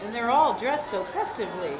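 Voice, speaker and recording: A woman's voice: a little high, lively intonation, fairly quick, music in the background, low-quality recording. An American woman announcing a parade as co-host, moving between scripted introductions and casual live remarks. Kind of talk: live commentary, part read from script. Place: outdoors at a street parade. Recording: outdoor event with crowd and street noise.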